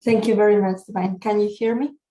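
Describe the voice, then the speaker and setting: Woman engineer on a webinar, low and flat, mellow tone, restarts often. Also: a little fast, rough recording. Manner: repeats words, restarts. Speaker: agricultural engineer, presenter. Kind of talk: webinar introduction. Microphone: video call.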